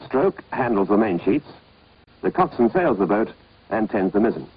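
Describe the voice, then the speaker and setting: This husky, lowish male voice belongs to a British narrator of an instructional training film, delivering expressive lines at a moderate pace. His manner is clipped, scripted and instructive, heard through a dull, band-limited old film soundtrack.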